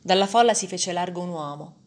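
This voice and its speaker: A woman reading a first-person story aloud in a measured, dramatic way. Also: fairly low pitch.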